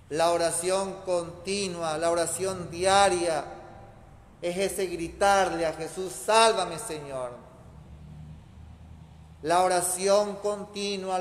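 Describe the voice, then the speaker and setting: A man preaching a homily at mass, emphatic and repeating his key phrases. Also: sits high. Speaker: priest. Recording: echoey church reverb.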